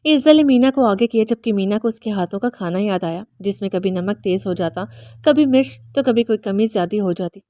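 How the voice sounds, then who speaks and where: Mellow-voiced woman narrating a novel. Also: mid-range voice, no room sound, clean studio sound. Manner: steady storytelling. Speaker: audiobook narrator.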